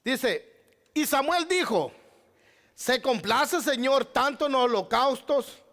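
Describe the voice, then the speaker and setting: A man's voice: extremely high pitch, animated, takes it slowly, a bit bright. A male pastor preaching a sermon, asking rhetorical questions and addressing the congregation as beloved brother.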